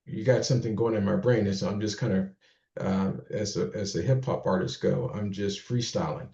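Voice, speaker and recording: A man speaking at an online meeting, thinking aloud with many pauses and fillers. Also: on the low side, fairly even intonation, creaky, mellow, reverberant, muffled recording. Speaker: guest speaker.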